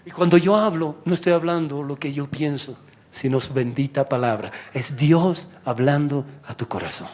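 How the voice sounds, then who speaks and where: A male pastor preaching a sermon in church, animated, swinging from loud exhortation to quiet asides. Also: a little high, moderate pace.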